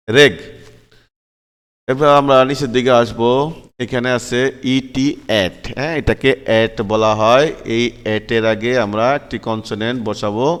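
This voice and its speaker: A man teaching English phonics, spelling each word out slowly and then reading the list through. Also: medium pitch, smooth. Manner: slow, drawn-out spelling then quicker recaps. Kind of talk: spoken phonics lesson. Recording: long hall reverb.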